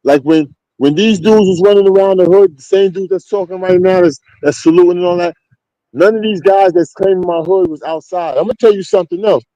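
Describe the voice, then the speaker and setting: A blunt, slangy man from Queens tells his street stories in a New York accent. His voice is dark and mellow, a little higher than most men's. The sound is close and dry. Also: brisk, no echo, muffled recording. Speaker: interview guest. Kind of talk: casual street storytelling.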